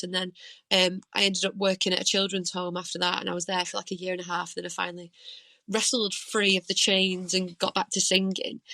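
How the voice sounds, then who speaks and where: A woman's voice: medium pitch, pushed and bright, no echo. A woman folk singer talking candidly as a guest in a casual interview. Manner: candid, chatty storyteller.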